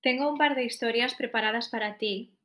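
Chatty Spanish woman, slightly high voice. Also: fairly quick, a bit bright. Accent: Spain Spanish. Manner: chatty, opinionated, trails off with filler questions. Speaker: podcast co-host. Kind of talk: casual chat.

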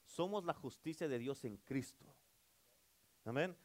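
A male pastor preaching a sermon, emphatic, calling for amens and swinging between loud and soft. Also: medium pitch, expressive, measured pace.

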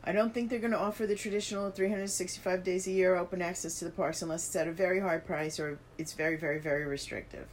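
A woman's voice: on the low side, steady tone, quick pace, hardly any pauses. A woman reads a news article aloud for a chatty podcast and stops often to add her own asides. She has the hiccups. A faint hiss of background noise sits under her voice. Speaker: podcast co-host reading news. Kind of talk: casual chat reading articles aloud.

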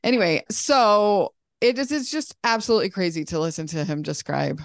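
A woman's voice: mid-range voice, moderate pace, no room sound, studio quality. A woman guest on a podcast, a life coach, talking in a bubbly, chatty way and laughing often. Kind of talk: casual podcast chat.

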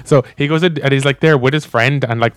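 A man's voice: mid-range voice, quick pace, a bit bright, clean tone, no echo. A man co-hosting a casual chat, rambling and full of fillers as he retells and reads stories. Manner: rambling, filler-heavy with lots of "like". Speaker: co-host reading stories.

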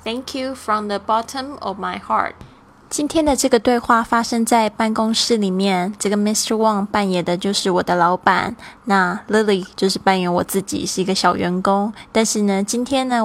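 A woman from Taiwan with a Taiwanese Mandarin accent, teaching English in a cheerful, explanatory way and slowing down for example words. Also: medium pitch, creaky. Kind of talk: online language lesson.

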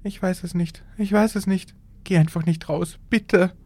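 A man's voice: high-pitched, steady tone, normal speed, a little mellow, pitched above the performer's own voice. A man voicing a frightened wife who pleads in a trembling voice, in a read-aloud horror story. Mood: frightened pleading.

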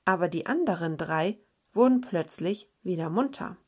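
A woman reading a children's story aloud in a calm, measured way. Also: fairly low pitch, slightly rough.

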